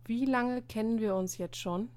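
A woman's voice: a little high, moderate pace, darkish tone, lightly acted. A woman voicing a stiff, brooding schoolboy. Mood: pondering. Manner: pondering, stiff and formal. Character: brooding, overly formal teenage schoolboy.

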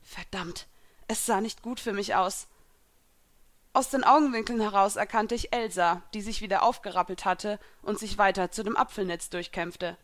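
A woman reading a first-person story aloud in a steady narrating voice. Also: medium pitch, moderate pace. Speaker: reader.

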